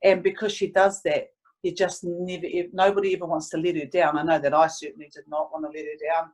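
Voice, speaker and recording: Earnest Antipodean woman, even-toned. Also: fairly low pitch, quick pace, rough recording. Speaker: interviewee, sports team staff member. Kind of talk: casual storytelling interview.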